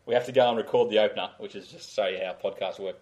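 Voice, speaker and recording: A man hosting a sports podcast, brisk and jokey in casual chat. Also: on the low side, steady tone, darkish tone. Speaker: host.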